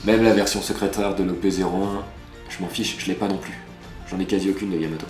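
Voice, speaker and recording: A man with a deep voice talks fast while opening trading card packs for viewers. His unboxing chat is casual and excitable, with exclamations over each card and frequent asides. The room is reverberant, with background music.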